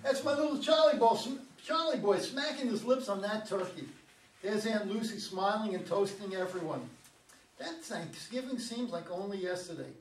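An older man with a high voice reads a staged, dramatic script as a wary, regretful father and grandfather who is a lonely driver, sounding excited and nostalgic at a moderate pace with light acting. He's in an indoor meeting room with a long table, picked up by a far camera, so the sound is roomy and distant with background room noise.

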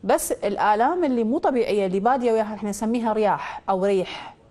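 A woman's voice: mid-range voice, rapid-fire, dark tone. A woman with an Iraqi accent hosting a call-in astrology show. She quizzes a caller with probing questions, then gives confident pronouncements over a studio mic. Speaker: astrologer host.

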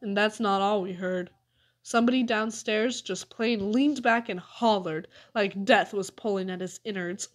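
A woman narrating a storybook aloud in a lively, expressive reading. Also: medium pitch, measured pace. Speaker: audiobook reader.

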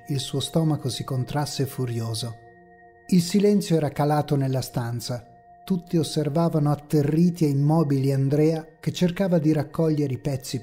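A man narrating a horror story in a measured, ominous way. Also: a little high. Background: faint dark ambient music.

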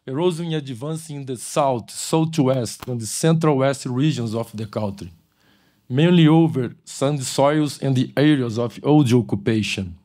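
An older man with a warm, medium-pitched voice delivers a keynote conference lecture at a podium microphone in a large auditorium. His speech is halting, full of restarts and self-corrections.

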